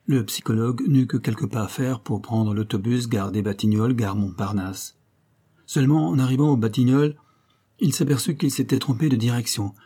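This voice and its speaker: A man reading a classic detective novel aloud as a narrator, with steady storytelling that rises in pitch for the characters' lines. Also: husky. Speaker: audiobook narrator.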